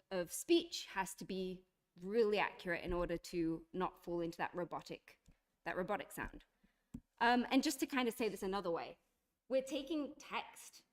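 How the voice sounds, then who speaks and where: A woman giving a university lecture, explaining step by step with frequent fillers and restarts. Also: mid-range voice.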